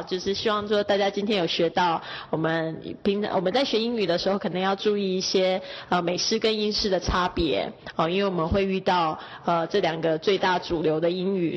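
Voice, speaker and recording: A woman's voice: on the low side, muffled recording. A woman from Taiwan with a Taiwanese Mandarin accent, encouraging her students in a corporate classroom. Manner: upbeat, encouraging. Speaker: English teacher. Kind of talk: classroom interview.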